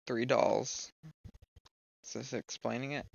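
In a let's play of a horror game, a man talks to himself, reads notes aloud, and reacts jumpily. His medium-pitched voice is level, slow, and marked by vocal fry, captured on a close, dry, slightly muffled lo-fi mic.

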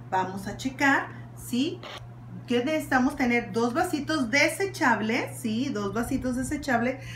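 A woman's voice: a little high, a bit bright. A woman cheerfully explaining a home activity to children. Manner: cheerful, chatty, addresses children. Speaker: children's program host. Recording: echoey room with faint noise.

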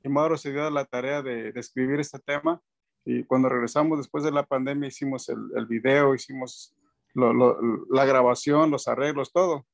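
Speaking at a moderate pace with a creaky, medium-pitched voice and fairly even intonation, this man in his fifties is a guest keyboardist for a band. He chats casually over a webcam from an indoor room at home, rambling and filling his talk with fillers and false starts.

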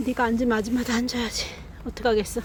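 A middle-aged woman outdoors, talking to stray cats in a coaxing, teasing baby-talk way with soft laughs. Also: a little high, level tone, quick pace, background noise. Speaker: cat feeder vlogger. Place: outdoors among grass.

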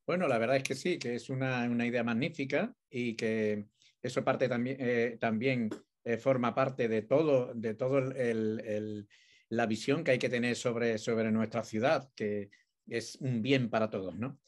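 A man's voice: mid-range voice, fairly even intonation, unhurried. A man from Spain hosting an interview, talking with many fillers and restarts. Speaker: interviewer, host. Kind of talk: casual interview.

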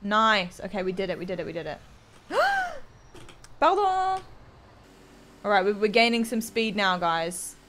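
There's slight background noise as a young English-accented woman streams gameplay from a small room at home, talking and thinking aloud close to her desk mic. Her medium-pitched, fairly bright voice moves a little fast with few pauses in this casual live commentary.

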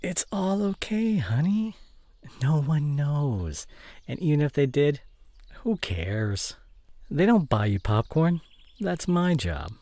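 A man playing a gentle, devoted boyfriend in an intimate audio role-play, speaking in a soft, breathy, soothing bedside voice. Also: a little high, very animated, slow, no echo. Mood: gentle, coaxing.

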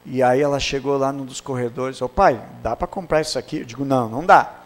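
A man's voice: mid-range voice, fast. Storytelling pastor, man. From Brazil. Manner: storytelling with acted dialogue, swings from loud to hushed. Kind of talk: sermon.

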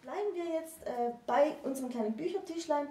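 Speaking a little fast in a high-pitched yet dark-toned voice, a woman in her thirties co-hosts a book discussion aimed at the camera. The setting is an indoor room with bookshelves, recorded through a distant microphone that adds a roomy echo.

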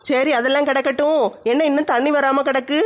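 A woman's voice: high-pitched, brisk, lightly acted. A woman playing a curious, chatty young village woman. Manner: curious, questioning, even-toned.

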